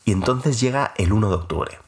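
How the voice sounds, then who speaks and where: A man's voice: on the low side, expressive, fairly quick. A young man in his twenties hosting a podcast, telling a personal story in a casual, rambling, self-mocking way with many filler sounds.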